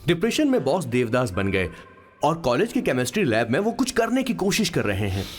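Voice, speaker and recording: A man's voice: mid-range voice, huge pitch swings, a little fast, music in the background. A man dubbing a chatty, loyal young assistant who narrates the story with playful humor. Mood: cheeky. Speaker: narrator, hero's sidekick. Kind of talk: dubbed film narration.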